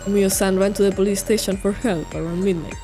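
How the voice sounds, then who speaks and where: A woman voicing a calm, theatrical male detective, reading a visual novel aloud with measured, grandly formal questions. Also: mid-range voice, music in the background, voice pushed down, natural voice. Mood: deductive.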